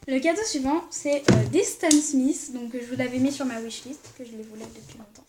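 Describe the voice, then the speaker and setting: A high-voiced woman chats to camera as a vlogger, excitable and gushing, filling her talk with little fillers. A steady hiss of noise sits under the recording. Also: fairly quick. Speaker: vlogger showing Christmas presents. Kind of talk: casual chat to camera. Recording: noisy background hiss.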